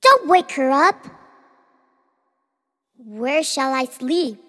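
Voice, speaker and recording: Woman doing squeaky fussy little dwarfs. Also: big pitch swings, drawn-out words, fairly bright tone, in a large hall, exaggerated voice. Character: small fussy male dwarfs, chattering. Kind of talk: storybook reading.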